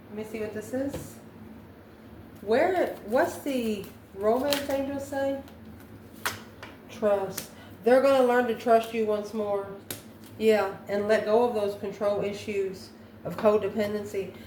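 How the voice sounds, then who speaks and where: A woman hosting a channel improvises a tarot card reading, musing aloud and answering her own questions. Her voice is medium in pitch and a little mellow. The room is echoey with faint background noise.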